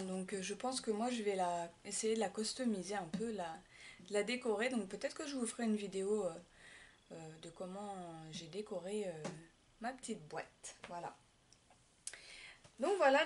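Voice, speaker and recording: A woman chatting casually in a haul vlog, showing her craft purchases, talking hesitantly with many fillers and restarts. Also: mid-range voice.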